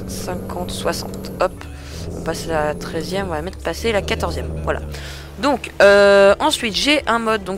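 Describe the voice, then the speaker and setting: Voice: medium pitch, a bit bright. A gamer giving casual, chatty commentary over a truck-driving game, often hesitating and grumbling at other drivers, into a headset mic. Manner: chatty, hesitant, lots of filler sounds. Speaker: truck-simulator gameplay commentator.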